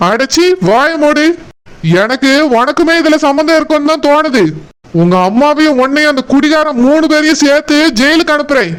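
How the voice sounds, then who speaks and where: A woman's voice: sits high, fairly quick, close to an everyday voice. A woman voicing an angry young husband in a cartoon, with a Kanyakumari Tamil accent, scolding and threatening harshly. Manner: shouting insults, scolding and threatening. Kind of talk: cartoon voice acting.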